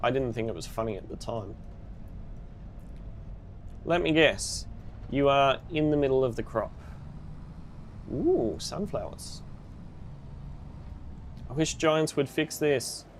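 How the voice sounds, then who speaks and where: A man's voice: medium pitch, animated, takes it slowly, long pauses, slight background noise. Chatty man streaming a farming game. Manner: chatty, upbeat, frequent 'ooh' exclamations. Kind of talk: live gameplay commentary, chatting with viewers.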